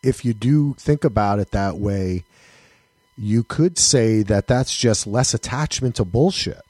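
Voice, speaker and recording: A man with a slightly husky voice co-hosts a casual podcast, his pitch swinging up and down as he gets animated. He swears freely, laughs mid-thought and keeps restarting sentences. The sound is close and dry. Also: a little slow, no echo. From United States. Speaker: podcast co-host.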